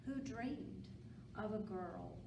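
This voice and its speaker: At a storytime for little kids, a woman with a medium-pitched voice reads aloud slowly in a simple, encouraging way. The sound is distant and echoey, with background noise.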